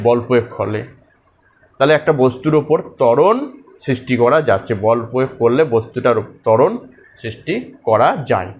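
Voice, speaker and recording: A man teaching a school physics lesson, working through forces step by step and checking that pupils follow. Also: mid-range voice.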